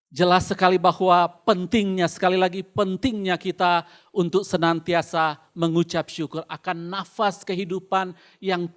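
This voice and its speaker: An Indonesian man with a voice that sits high preaches a sermon through a face mask, so he sounds slightly muffled. He speaks deliberately, pausing and repeating phrases for emphasis.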